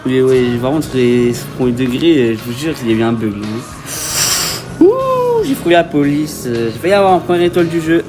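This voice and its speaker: A young man commentating his gameplay in a loose, joking way, full of slang and asides to viewers. His voice sits at an average pitch. Faint game music runs underneath. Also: normal speed. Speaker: gaming video creator. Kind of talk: let's play gameplay commentary.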